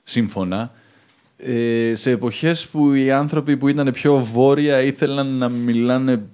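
A man hosting a podcast who grew up in the USA and was raised in Athens from age seven, talking slowly and hesitantly in casual chat. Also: medium pitch, darkish tone, clean tone. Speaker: podcast host.

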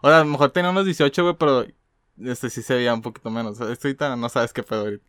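A man's voice: mid-range voice, very fast, fairly bright tone, clean tone, no echo, clean studio sound. A young man with a Mexican accent, co-hosting a casual podcast and telling stories in slangy, laughing chat. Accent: Mexican Spanish. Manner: slangy, storytelling, laughs often. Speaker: podcast co-host.

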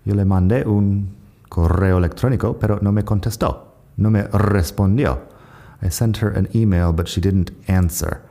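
A man with an American English accent teaching vocabulary, calmly explaining and repeating each example sentence twice. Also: deep voice, measured pace, gravelly. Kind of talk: language lesson with example sentences.

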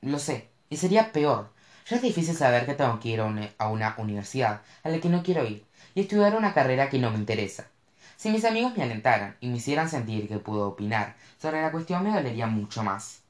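A narrator voicing an anxious, dramatic teenage girl who wants to be a writer, with shrill, panicky outbursts. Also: sing-song, fast. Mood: defensive, pleading. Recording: roomy echo.

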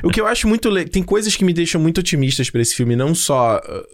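Fast-talking animated man chatting about movies. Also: a little high. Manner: animated, slangy, quick with frequent restarts. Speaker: podcast co-host. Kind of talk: casual chat about movies. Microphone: video call.

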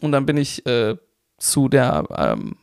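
A man's voice: mid-range voice, wildly swooping pitch, slow, vocal fry, a little mellow, no echo, clean studio sound. A young man from Baden, a podcast co-host telling a story casually, with slang and lots of ums. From Baden, Germany. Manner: storytelling, swearing, hesitant fillers. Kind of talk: casual chat.

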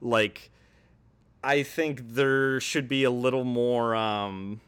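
A man's voice: mid-range voice, fairly even intonation, slow pace, fairly bright tone, clear, resonant tone. A man in his twenties, a video essay creator, chatting casually as a podcast guest, ranting and retelling scenes with quoted voices.

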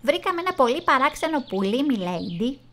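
A woman's voice: sits high, very animated, a bit bright, voice pushed up, full character voice. A woman voicing a big, stubborn male hare who insists on his point in a blunt, matter-of-fact way. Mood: insistent.

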